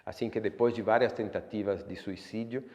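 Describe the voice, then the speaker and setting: A man giving a music history lecture as a violinist, reading a scripted narration in a measured, expressive way. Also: fairly low pitch. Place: room at home for an online class. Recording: long reverb, dull lo-fi sound.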